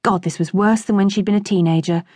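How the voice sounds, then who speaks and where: A woman reading an unabridged novel as audiobook narrator, in measured, even storytelling. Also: medium pitch, no room sound. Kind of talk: scripted narration.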